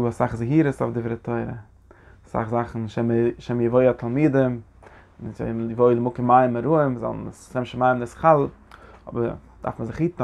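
A man teaching a religious lecture in an animated way, often restarting his sentences and breaking into emphatic bursts. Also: mid-range voice, gravelly. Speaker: Torah teacher.

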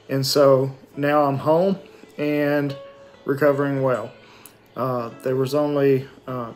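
A man in his forties talks plainly to his phone in a casual recovery update. His pitch is average and he pauses often. His throat is sore and his lip and jaw are swollen and stiff. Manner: halting, matter-of-fact, frequent pauses and throat clearing. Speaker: vlogger giving a post-surgery recovery update. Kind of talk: casual unscripted video diary. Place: small indoor room at home with shelves. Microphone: phone or webcam at arm's length.

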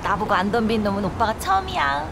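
A woman's voice: fairly high pitch, sing-song, fast talker, creaky, noisy background. An actress in her twenties playing a brash, volatile young woman in a romance film. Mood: teasing. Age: 20s. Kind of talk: naturalistic Korean film acting.

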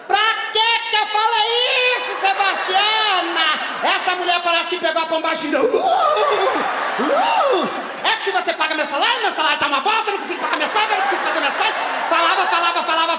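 Man doing a loud gossipy indignant woman. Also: very high voice, heavy background noise. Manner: loud, gossipy, dramatic, shouting bursts. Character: brash indignant woman caring for her hospitalized father. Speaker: stand-up comedian. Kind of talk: stand-up character monologue. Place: theater stage at a live show. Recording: echoey hall, from far off.

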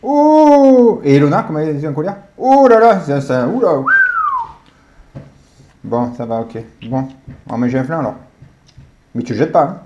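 A man talking with his young child at home, gently questioning and playful, recorded on a dull lo-fi home recording. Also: mid-range voice, fairly quick, pauses often, slight background noise. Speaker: father.

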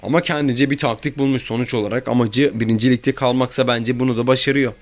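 A man's voice: medium pitch, steady tone, quick pace, faint music behind. A man giving casual commentary over his own football video game match, grumbling and exasperated about his mistakes and bad luck. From Turkey. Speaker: gaming YouTuber.

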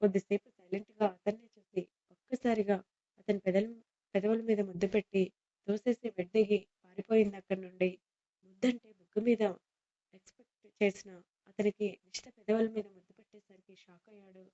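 Mellow-voiced woman narrating a love story. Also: medium pitch, steady tone, a little fast, lo-fi sound. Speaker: audiobook narrator.

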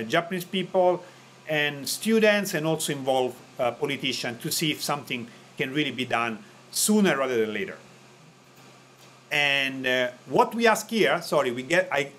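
A man's voice: fairly high pitch, a bit bright, a little hiss or hum. A young man hosting his own channel, talking to camera in an earnest, rambling, apologetic way. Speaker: channel host. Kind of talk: casual talk to camera.

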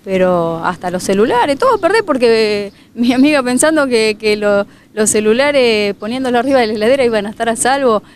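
A woman's voice: a little high, expressive, a little fast, hardly any pauses, a little hiss or hum. Woman, emotional street interview. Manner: fragmented, emotional retelling with many restarts. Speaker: flood-affected resident. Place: outdoors near her home.

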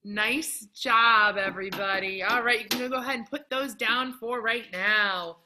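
A woman, around her thirties, leads a children's music lesson in an animated, encouraging, sing-song kindergarten teacher voice, recorded in a classroom on a computer mic. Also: a little high, a little slow, background noise. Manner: animated, exaggerated clear delivery for children. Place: empty classroom. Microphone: computer mic at arm's length, video call.

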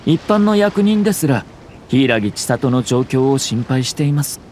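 Measured and analytical, a male actor delivers video game lines as a shrewd, courteous young nobleman and clan head, polite, composed and formal. The voice is mid-range, sing-song, a little slow and slightly mellow, with a bit of hiss or hum.

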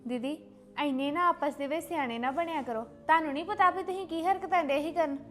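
A woman playing a sharp-tongued young sister-in-law. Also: high voice, faint music behind. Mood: indignant. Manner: fast, sharp and retorting. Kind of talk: family drama acting.

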